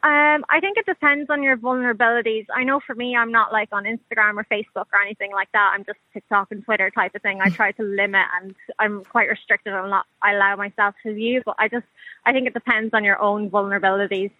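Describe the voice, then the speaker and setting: A woman's voice: mid-range voice, steady tone, fast, no echo. A woman of about thirty with an Irish accent, giving a personal account as a radio interview guest in an informal, conversational way. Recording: dry, muffled narrow-band call.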